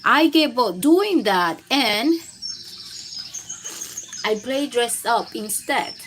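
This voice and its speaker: A woman with a slightly high, lively voice and a fairly bright tone reads aloud to young children, speaking extremely slowly. As a storytime host, she lets her delivery rise and fall expressively and takes her time. Chirping can be heard amid noticeable background noise.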